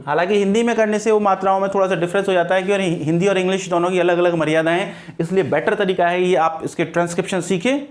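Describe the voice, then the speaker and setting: High-pitched male grammar teacher with a Hindi-speaking Indian English accent, middle-aged, drills points by asking and answering his own questions. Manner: repeats key points as questions and answers them. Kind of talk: exam-prep lecture.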